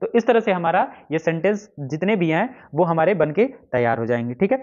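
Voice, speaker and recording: Man, grammar teacher, step-by-step explanation, repeats his own questions, slightly high voice, dull lo-fi recording. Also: animated, brisk, darkish tone. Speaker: English teacher. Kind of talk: exam-prep grammar lesson.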